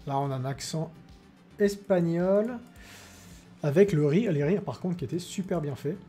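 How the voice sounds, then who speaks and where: A man's voice: a little high, moderate pace, warm tone, slightly rough, faint music behind. A man hosting a tech video, casually explaining and demonstrating with many filler words.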